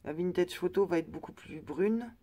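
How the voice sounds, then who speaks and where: At a normal pace, a woman vlogger with a lowish, dark-toned voice talks informally about her crafting purchases. Her speech is tentative, peppered with fillers and frequent restarts.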